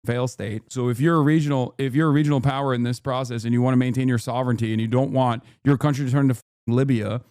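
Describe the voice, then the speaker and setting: A man's voice: mid-range voice, steady tone, fast, darkish tone, no room sound. Sarcastic streamer man, dry close sound. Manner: sarcastic, laughs often, swears. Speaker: streamer host. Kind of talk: live political commentary.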